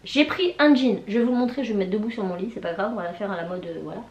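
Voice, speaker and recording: A woman in her thirties chatting casually in a vlog, hoarse from tonsillitis with her voice mostly gone, hesitant and rambling. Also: mid-range voice, very fast, muffled recording. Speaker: vlogger. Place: indoors, bedroom. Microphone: camera on a tripod. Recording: echoey room.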